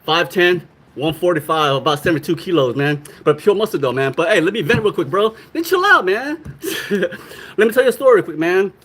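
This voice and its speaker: A man's voice: high-pitched, a little fast, a bit bright, breathy edge. A young man from Long Beach, California, telling loose slangy stories on a casual livestream, laughing often.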